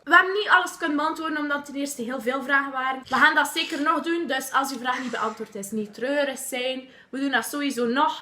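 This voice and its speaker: A young woman chats through a casual vlog Q&A, playful and teasing. Her voice sits high and sounds bright and sharp. The recording has an echoey room sound with a faint hiss behind it. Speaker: vlogger host.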